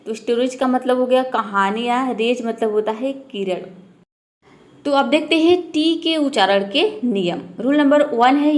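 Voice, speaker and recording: Patient woman teaching pronunciation. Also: fairly high pitch. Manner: patient, repeats each point and asks the viewer questions. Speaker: English teacher. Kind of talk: step-by-step pronunciation lesson.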